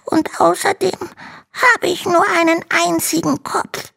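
Woman doing a storybook dragon child: very high, squeaky, tearful, timid. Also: steady tone, unhurried, vocal fry, pushed and bright, heavily acted. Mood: eager pleading. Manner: squeaky, whimpering, tearful pleading. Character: tiny timid young male dragon, lonely and pleading. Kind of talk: storybook reading.

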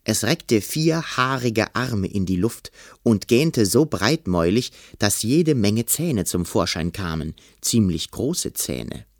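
Lively male storybook narrator. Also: fairly low pitch, takes it slowly, hardly any pauses, dry recording, clean studio sound. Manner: expressive, acts out scenes. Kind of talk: children's storybook reading.

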